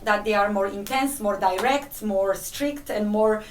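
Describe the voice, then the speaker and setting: A woman's voice: mid-range voice, unhurried, slight background noise. A woman from Poland hosting a casual interview, asking questions and giving short encouraging replies. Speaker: host. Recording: echoey room, recorded from a distance.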